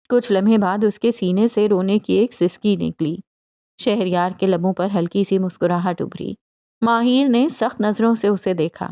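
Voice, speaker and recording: A woman narrating a romantic novel as an audiobook, in a calm, steady storytelling voice. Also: medium pitch.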